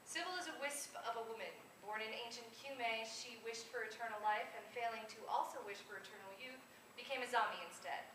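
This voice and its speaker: A woman author reads humorous prose aloud at a live event in a convention room, her voice fairly high and fairly quick. The recording is echoey and noisy, picked up from far off.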